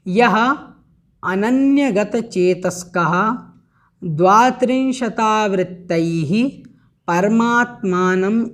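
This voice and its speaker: A man teaching an online religious lesson, explaining each word patiently and chanting Sanskrit verses slowly and carefully. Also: high voice, darkish tone. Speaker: teacher of a scripture study course.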